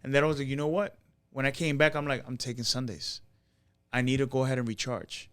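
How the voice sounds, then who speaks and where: A man in his late thirties telling stories casually on a podcast, animated and acting out his own past thoughts. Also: medium pitch, fast talker, smooth. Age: late 30s. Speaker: podcast guest. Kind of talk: casual storytelling chat.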